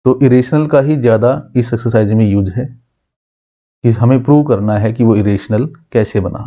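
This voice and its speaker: A male math teacher giving a classroom lesson, asking his students questions and answering them himself, repeating key terms slowly. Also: medium pitch, mellow, highs cut off.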